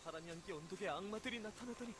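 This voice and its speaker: A man's voice: high voice, very fast, noisy background, natural voice. A man voicing a solemn, commanding fantasy warrior in a video game. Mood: surprised.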